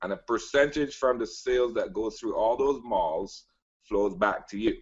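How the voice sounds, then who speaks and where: A man from Barbados with a fairly low voice delivers an eager, emphatic sales pitch. He leans on repeated phrases and lots of fillers. The audio is dull and lo-fi. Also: normal speed, breathy edge. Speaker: guest business presenter.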